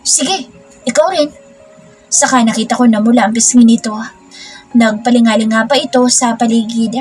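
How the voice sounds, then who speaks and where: A woman narrating a romance story in the first person, reading it in a steady, plain way. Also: a little high.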